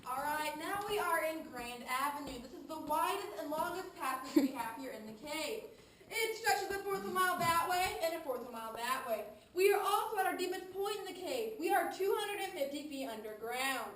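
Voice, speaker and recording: A woman's voice: high-pitched, expressive, fairly quick, fairly bright tone. A woman working as a tour guide, delivering a rehearsed guided talk. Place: inside a large underground cave. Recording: echoey cave, distant mic, faint noise.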